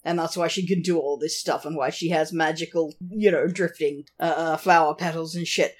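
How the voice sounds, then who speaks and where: A woman co-hosting a casual film review podcast, animated and sweary, laughing often. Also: sits low, a little fast. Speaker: podcast co-host.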